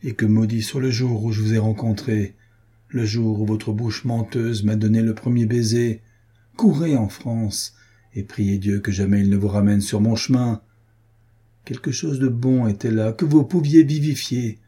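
A man voicing a jealous, passionate noblewoman in an audiobook reading, raising his pitch as she pleads and rages. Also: fairly even intonation, normal speed, mellow, slightly rough. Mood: furious. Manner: pleading then bitter, vengeful. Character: jealous, passionate noblewoman scorned by her lover.

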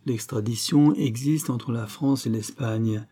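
A man narrating a classic novel in a measured, dramatic reading. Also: medium pitch, warm tone. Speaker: audiobook narrator.

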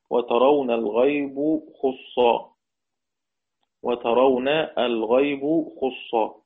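Egyptian man teaching in tinny audio. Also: medium pitch. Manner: explains step by step, asks the class questions and repeats key phrases. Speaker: Quran recitation teacher. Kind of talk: lecture on Quranic readings.

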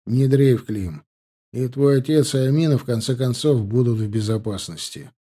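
A man's voice: mid-range voice, moderate pace, dark tone, husky, natural voice. A man voicing a young border-guard soldier who talks in a cold, composed, pointed way. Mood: reassuring.

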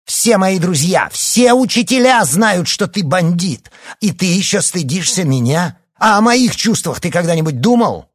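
Man putting on an enraged teen boy, yelling, high and loud, dry room. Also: moderate pace, breathy edge, no echo, lightly acted. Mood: furious. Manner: yelling, choked with anger. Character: furious teenage boy shouting at his father.

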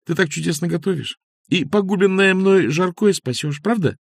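A man's voice: sits high, normal speed, gravelly, no room sound, voice pushed up. A male reader voicing a playful, lovestruck woman who teases and orders her man about, in an audiobook. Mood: teasing. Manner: teasing, bossy. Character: lively playful woman in love.

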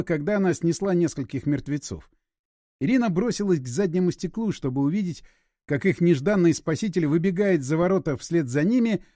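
Male audiobook narrator, high and animated, dry close sound. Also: no echo.

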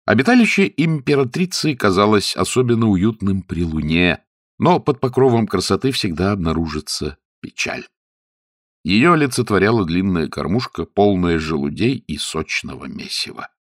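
Lively low-voiced man reading a story. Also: moderate pace, dry recording, studio quality. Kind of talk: audiobook narration.

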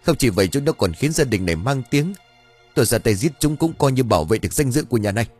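A man's voice: mid-range voice, animated, quick pace, darkish tone, husky, soft background music, voice pushed up. A man voicing a haughty, ruthless lady of the house in a spoken story. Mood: cold. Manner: haughty and cold. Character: cold ruthless middle-aged lady of the house.

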